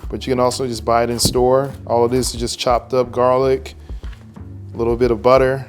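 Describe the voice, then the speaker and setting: A man's voice: medium pitch, level tone, fairly quick, soft background music. A man hosting a casual cooking tutorial, talking the viewer through each step with playful, jokey asides. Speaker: cooking video host.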